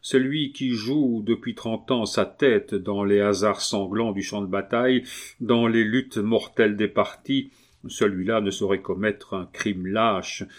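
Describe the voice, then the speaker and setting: A man reading a novel aloud, voicing an earnest, persuasive gentleman who speaks in a calm, measured way. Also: on the low side. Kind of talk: audiobook reading.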